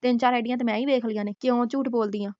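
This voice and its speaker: A woman's voice: on the high side, steady tone, rapid-fire, darkish tone, dry recording, highs cut off. A woman hosting a roast video, scolding and taunting with pointed rhetorical questions. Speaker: YouTube roast host.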